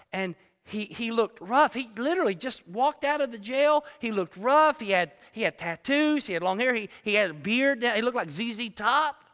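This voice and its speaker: A man preaching a sermon, telling a folksy story and swinging between loud emphatic lines and hushed ones. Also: very high voice, big-room sound. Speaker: pastor.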